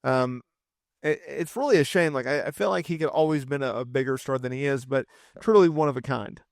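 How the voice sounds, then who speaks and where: A man in his thirties hosting a casual wrestling list video, chatty and quick to correct himself. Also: medium pitch, vocal fry, no room sound, clean studio sound. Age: 30s. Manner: chatty, self-correcting, fan enthusiasm. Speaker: wrestling commentary host.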